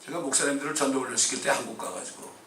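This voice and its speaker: A male pastor preaching a sermon in a fervent style, breaking into sudden shouts. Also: mid-range voice, animated, racing, background noise. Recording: echoey church hall, distant mic.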